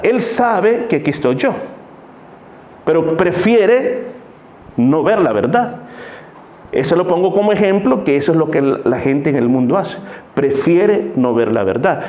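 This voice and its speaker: Pastor guy preaching, highish voice, tells stories and does everybody's voices, echoey church hall. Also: darkish tone. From El Salvador. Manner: storytelling, acts out voices in anecdotes. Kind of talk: sermon.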